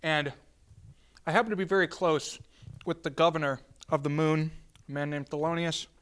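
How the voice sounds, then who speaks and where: A man playing a genial horror-host count on public access TV, with mock-formal, wordy, halting patter. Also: on the high side, fairly even intonation, fairly bright tone, natural voice. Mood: genial, coaxing.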